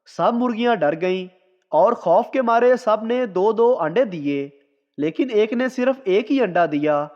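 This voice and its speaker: High-voiced man slowly reading jokes. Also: expressive, darkish tone. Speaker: joke narrator. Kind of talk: scripted joke reading. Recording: dull lo-fi sound with long reverb.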